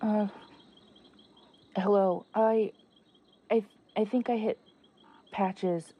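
A frightened young driver, played by a woman, stammers through a voicemail on a landline phone. She speaks slowly and shakily, sometimes sinking to a whisper. The phone line sounds dull and muffled. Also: medium pitch, steady tone, slightly rough. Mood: panicked. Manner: stammering, breathless, dropping to a whisper. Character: panicked young female driver after a crash. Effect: over a landline phone, on a voicemail.

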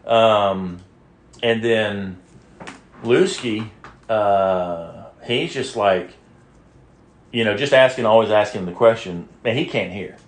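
Podcast host, lowish male voice, rambling and crude, roomy echo. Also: takes it slowly, pauses often. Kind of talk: casual chat.

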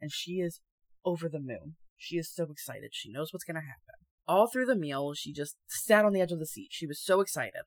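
A young woman co-hosting a casual chat and reading stories aloud, chatty and quick to laugh. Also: deep voice, animated, no echo. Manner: chatty and giggly. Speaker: podcast co-host.

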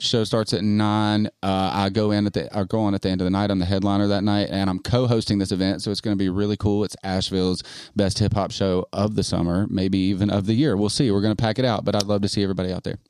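Smooth-voiced man joking crudely. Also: fairly low pitch, fairly even intonation, quick pace, few pauses, a little mellow, dry recording, studio quality. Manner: crude joking, plugs his shows. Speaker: guest rapper. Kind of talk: casual podcast banter. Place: recording studio.

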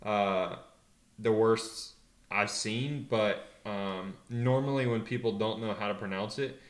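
Young guy kinda low voice, easygoing and umm-ing a lot, sounds like a roomy space. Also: slow. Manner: laid-back, hesitant, many fillers and restarts. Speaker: interviewee, pro rider. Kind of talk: casual interview.

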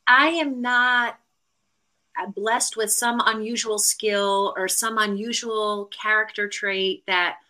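A middle-aged woman talks as a guest on a podcast interview. Her voice is bright and forward, with a middle pitch. She is chatty and rambles through stories with frequent fillers and restarts. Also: fairly even intonation, takes it slowly, low-quality recording. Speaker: guest real estate agent.

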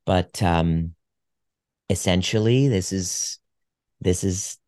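A man's voice: sits low, slow, a little mellow, no room sound, clean studio sound. A man in his forties, a podcast guest, talking in an earnest, reflective way with frequent restarts. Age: 40s. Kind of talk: casual conversation.

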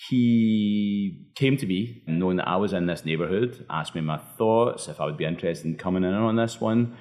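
A man's voice: low-pitched, normal speed, a little mellow. A man with a thick Scottish accent answering interview questions conversationally as a bar owner. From Scotland.

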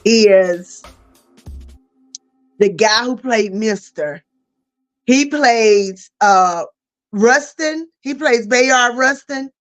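A middle-aged woman hosting a podcast, chatting in a lively, expressive way and often laughing and exclaiming. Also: a little high, extremely slow, long pauses, faint music behind. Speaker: podcast host. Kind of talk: casual chat.

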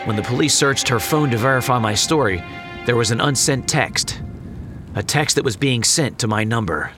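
A man narrating a horror story in a low, hushed, suspenseful way. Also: expressive, moderate pace, over music. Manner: low, hushed and suspenseful, jumping higher in dialogue.

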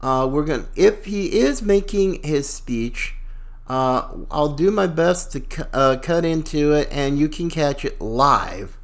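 A man's voice: on the high side, animated, unhurried. A man hosting a talk show with casual, folksy, opinionated and slangy political commentary.

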